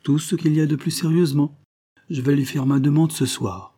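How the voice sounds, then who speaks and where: A man voicing a young idealistic prince who speaks in a curiously calm, cold and even voice in a storybook reading. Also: on the high side, brisk, breathy edge, voice pushed up. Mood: resolute.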